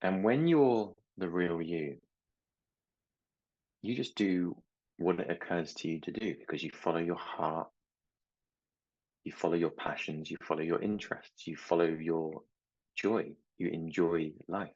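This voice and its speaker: A middle-aged man and mindset coach talking slowly and reflectively, telling small stories about his children. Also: low voice, darkish tone, dull audio. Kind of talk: reflective talk to camera.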